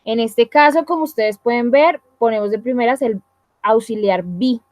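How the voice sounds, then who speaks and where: A woman's voice: a little high, moderate pace, a little mellow, no room sound. A woman who teaches an online English grammar lesson, explaining step by step and checking in with "¿listo?" and "¿sí?".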